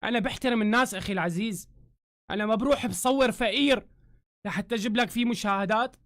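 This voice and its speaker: A Syrian man with a Syrian Arabic accent, ranting heatedly on a live stream, swearing oaths and shouting in bursts. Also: sits high, quick pace, dry recording, studio quality. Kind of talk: angry live-stream rant. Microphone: phone camera.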